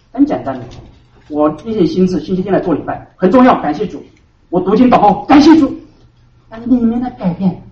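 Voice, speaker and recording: Animated male pastor preaching in an echoey hall. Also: very high voice. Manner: emphatic preaching, swinging between loud stresses and hushed asides. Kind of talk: sermon. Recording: roomy hall from a distant, dull mic.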